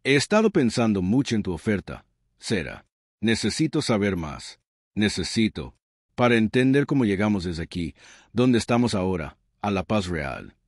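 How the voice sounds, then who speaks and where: A man's voice: on the low side, normal speed, no echo, studio quality. Man reading as a weary, resolute human soldier. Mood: earnest. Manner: steady and determined.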